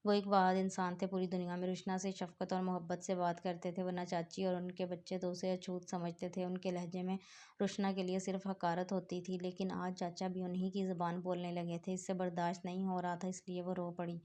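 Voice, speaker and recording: Woman narrator for a novel reading; mellow, steady, monotone delivery. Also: fairly low pitch.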